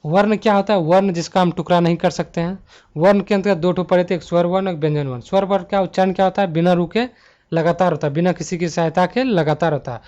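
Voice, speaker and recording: A male grammar tutor with a high voice explains exam questions option by option. He slows down to list letters one at a time. The recording is muffled and lo-fi, made at a home computer mic. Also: darkish tone. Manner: talks students through multiple-choice answers. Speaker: Hindi grammar teacher. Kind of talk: online exam-prep lesson.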